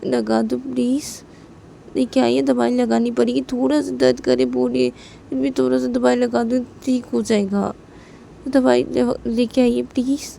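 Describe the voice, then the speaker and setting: A woman voicing a gentle young mother who talks softly and soothingly. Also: fairly high pitch, a little slow, creaky, a little hiss or hum. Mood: pleading. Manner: soft, pleading, soothing.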